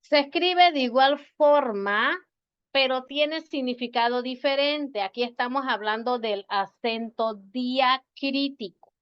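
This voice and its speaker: A woman teacher giving an online grammar lesson, speaking slowly and patiently and repeating words to stress their syllables. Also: high voice, clear, resonant tone. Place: home or office on a video call. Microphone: video call. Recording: dull, lo-fi video call audio.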